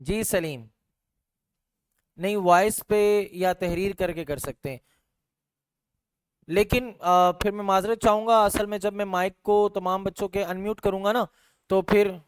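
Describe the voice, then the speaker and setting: A man's voice: high-pitched, steady tone, measured pace, long pauses, smooth, no room sound. A man teaching English in an online class, explaining patiently and repeating each example word, mixing English terms into Urdu-flavoured speech. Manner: explains patiently, repeating example words and saying "theek hai" often.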